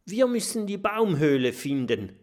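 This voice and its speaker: Guy doing a scared little fire dragon in a kids story, stutters, goes high and squeaky. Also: very animated, a little slow, darkish tone. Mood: nervous. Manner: stammering, nervous high voice. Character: small timid young male fire dragon, stammering.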